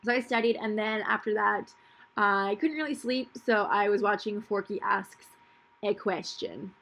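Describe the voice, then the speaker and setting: A woman's voice: medium pitch, measured pace, a bit bright. A young woman, a dental hygiene student, chatting casually over her planner with lots of "like" and "um". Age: young adult. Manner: chatty, filler-heavy with lots of "like". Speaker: planner vlogger.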